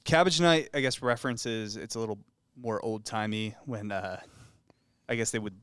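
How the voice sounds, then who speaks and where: A man's voice: fairly low pitch, moderate pace, fairly bright tone, clean tone, dry recording. A man hosting a podcast who asks curious questions and leads the topic in casual chat. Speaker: podcast host.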